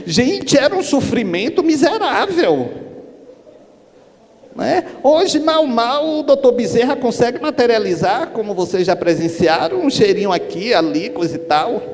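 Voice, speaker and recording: A man giving a spiritist lecture. He tells stories in an animated way and acts out the dialogue, recorded in a reverberant hall. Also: extremely high pitch, a little slow. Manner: animated storytelling, acting out dialogue. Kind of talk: sermon-like lecture with storytelling. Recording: reverberant hall with faint noise.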